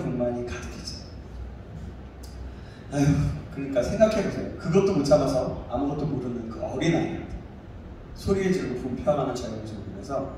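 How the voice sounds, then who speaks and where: A male pastor in his thirties preaching a sermon and telling a personal story with animated delivery. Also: fairly high pitch. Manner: animated storytelling, acts out his own shouting. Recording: echoey room, distant mic, faint noise.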